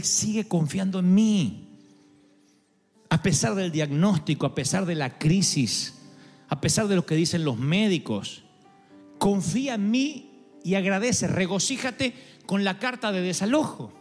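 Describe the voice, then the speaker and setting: A male preacher with a high voice delivers an animated sermon, acting out short lines for the people in his stories. He speaks straight to the crowd in a large hall. His voice carries a long reverb, with faint music underneath. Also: measured pace, gravelly. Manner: addresses audience directly.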